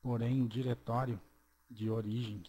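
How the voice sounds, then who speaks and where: A man narrating a screen-recorded programming tutorial, walking through each step slowly and checking in with "ok?". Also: mid-range voice, flat delivery, mellow, slight background noise. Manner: slow, step-by-step, checks in with "ok?" and "certo?".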